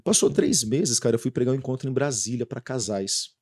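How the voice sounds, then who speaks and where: A Brazilian man in his thirties, a lively storyteller chatting as a guest about his religious community life. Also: mid-range voice, a little fast. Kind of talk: casual storytelling interview.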